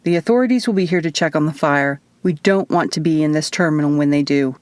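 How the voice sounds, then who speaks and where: A woman voicing a calm, formal male shifter who speaks in a measured way. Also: deep voice, dry recording, close to an everyday voice. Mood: serious.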